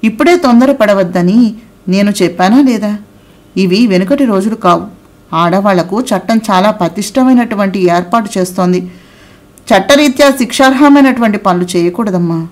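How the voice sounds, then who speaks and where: A woman's voice: mid-range voice, moderate pace, lightly acted. Woman reading as a cautious, lecturing older father. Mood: advising. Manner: calm, lecturing counsel. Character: worried, advising older father, man.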